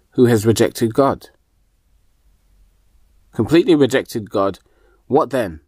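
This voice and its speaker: Low-voiced man teaching Bible, dry close sound. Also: a little mellow, no echo. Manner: thinking aloud with many fillers and restarts. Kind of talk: unscripted Bible teaching monologue.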